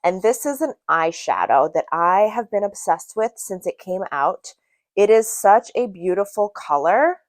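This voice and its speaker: A Brazilian beauty product reviewer and vlogger gives a casual review to camera, chatty and emphatic, repeating words to stress them. Her mid-range voice is expressive and measured in pace. The recording is dry.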